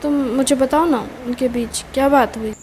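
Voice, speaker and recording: A woman's voice: high voice, steady tone, a little slow, mellow, slight background noise, poor audio. A woman voicing a young man, the hero of a romantic story, who muses aloud in confusion and speaks to his friend curtly. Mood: pleading. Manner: muttering to himself, then curt and cold.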